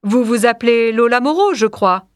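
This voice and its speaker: A woman's voice: a little high, expressive, normal speed, dry recording, clean studio sound, lightly acted. Monsieur Gris, a woman doing a cold metallic principal. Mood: curt.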